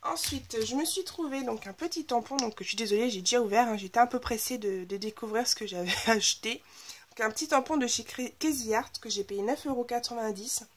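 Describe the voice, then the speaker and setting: Speaking briskly in a fairly high register, this woman has a slightly stuffy, nasal tone. She's a scrapbooking vlogger filming a casual haul video, chatty and gushing as she shows off the craft supplies she just bought.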